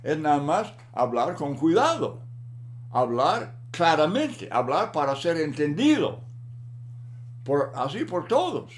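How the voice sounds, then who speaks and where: A man giving a Bible lesson in a slow, deliberate manner, often repeating words for emphasis. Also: on the high side, very animated, slight background noise. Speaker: Bible teacher.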